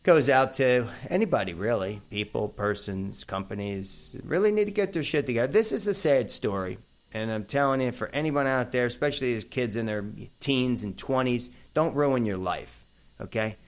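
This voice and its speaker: A brash, animated New Yorker in his fifties hosts a casual talk radio show from the studio, calling his listeners "folks." He speaks at a moderate pace in a mid-range voice.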